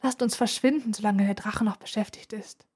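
A woman's voice: mid-range voice, fairly even intonation, moderate pace, darkish tone, breathy edge, natural voice. A woman voicing a vain, gallant young prince who speaks in a courtly, protective way. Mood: hushed.

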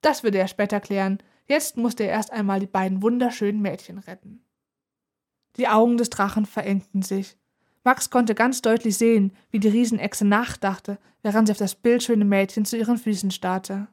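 A woman narrating a children's adventure story aloud in an even, expressive way. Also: medium pitch, normal speed. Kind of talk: storybook reading.

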